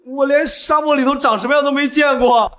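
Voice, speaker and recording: A cowardly young driver who brags big and then whines his way out of things, voiced by a man. His voice sits very high and has a pleading edge. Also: steady tone, fairly quick, bright, forceful tone. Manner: whiny, pleading, defensive. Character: cowardly boastful young brother-in-law driver.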